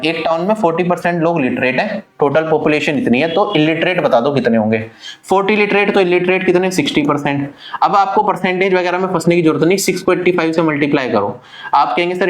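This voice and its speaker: A man teaching an online maths lesson for exam prep, working through problems step by step and checking in with his students. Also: on the high side. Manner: brisk, explains step by step and checks in with listeners.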